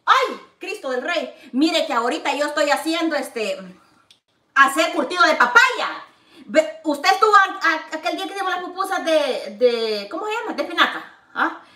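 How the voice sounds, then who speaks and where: A woman's voice: high-pitched, big pitch swings, moderate pace, sharp tone, echoey room, distant mic. A woman from El Salvador with a Salvadoran Spanish accent, chatting playfully to viewers while cooking in her home kitchen. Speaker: vlogger. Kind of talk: casual cooking vlog chat.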